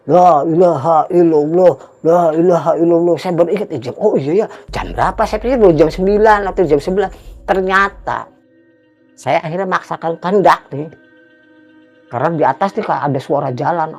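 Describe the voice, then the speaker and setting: A man telling a host about his own experience, emphatic and dramatic, jumping between loud outbursts and hushed murmurs. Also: a little high. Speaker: guest recounting a personal experience. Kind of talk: animated storytelling to a host.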